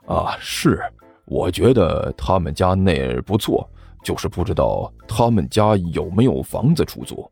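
A man's voice: low-pitched, sing-song, a little slow, vocal fry, a little mellow, breathy edge, faint music behind, voice pushed down, full character voice. A man voicing an eager, stammering middle-aged master. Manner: hesitant, eager, repeats himself. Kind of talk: audiobook character voice.

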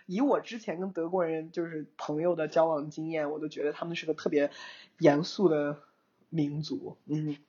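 A young woman chats through a long personal story, animated and quick to laugh, dropping English words as she goes. Her voice sits low and husky. The recording sounds a little dull and lo-fi. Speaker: co-host, screenwriter. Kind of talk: casual storytelling chat.

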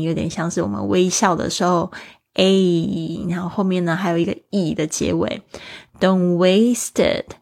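A woman with a low voice and a gravelly edge hosts a podcast English lesson. She explains words patiently and spells them letter by letter. She speaks straight to her listeners in an encouraging way. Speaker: podcast host and English teacher.

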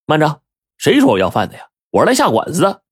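A man's voice: mid-range voice, wildly swooping pitch, fairly quick, breathy edge, pitched above the performer's own voice. A man storyteller voicing a bold, sly older male beggar who talks back with cocky confidence. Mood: defiant. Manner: cocky, mocking.

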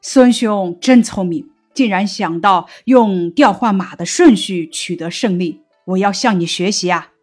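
A woman's voice: medium pitch, unhurried, hardly any pauses, darkish tone, soft background music, pitched below the performer's own voice, natural voice. A woman reading as a hearty ancient general. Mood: friendly.

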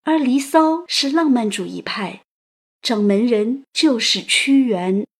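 Slow, breathy woman narrating stories. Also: a little high, lively intonation. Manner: playful, chatty asides and exclamations. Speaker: narrator and audio host. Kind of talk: scripted storytelling narration.

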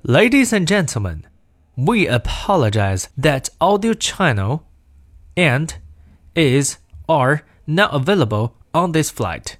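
Male reader, slow and formal, lively pitch, dry close sound; cabin-announcement lesson. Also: no room sound. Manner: measured, formal announcement delivery in two languages. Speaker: language course reader. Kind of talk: reading in-flight announcements aloud.

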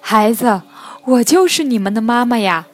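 Woman voicing a protective storybook mother turtle, heartfelt and loud, faint music behind. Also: mid-range voice, animated, normal speed, slightly rough. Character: anxious loving mother turtle.

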